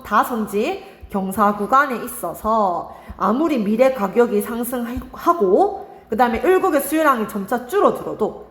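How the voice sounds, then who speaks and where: A woman's voice: on the high side, reverberant. A young woman teaching an exam-prep lesson, asking her students questions and answering them herself. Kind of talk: online exam-prep lecture.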